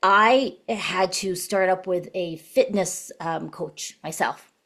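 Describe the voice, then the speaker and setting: A woman's voice: fairly low pitch, takes it slowly, vocal fry, fairly bright tone. A woman in her late fifties hosting a podcast, talking casually and animatedly, acting out quoted voices and speaking straight to her audience. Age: 50s. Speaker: podcast host.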